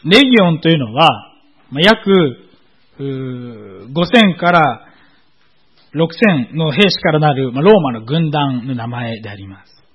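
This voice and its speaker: A man preaching a sermon in a measured, explanatory way, often pausing on filler words. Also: a little high, animated, husky, lo-fi sound. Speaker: pastor.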